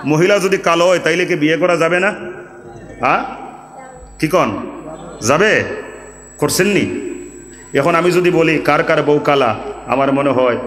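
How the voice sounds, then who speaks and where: A man from Bangladesh preaching an Islamic sermon to a gathering, rhythmic and sing-song, swinging between high ringing calls and low asides and joking with the crowd. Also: a little slow, pauses often, a bit bright, echoey room, long reverb tail. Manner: chants Arabic quotes in a sing-song. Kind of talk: sermon at an open religious gathering.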